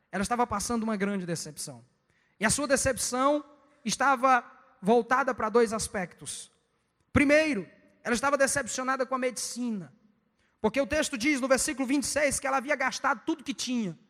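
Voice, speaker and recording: A man with a Brazilian Portuguese accent, preaching an evangelistic sermon in a church, fast and emphatic with sudden loud peaks. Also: extremely high pitch, big-room sound.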